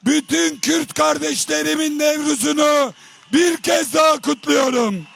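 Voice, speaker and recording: A politician giving a slow, emphatic, shouted rally speech into a podium microphone in an open public square. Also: male voice, very high-pitched, vocal fry, slight background noise. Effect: speaking into a podium microphone at a rally.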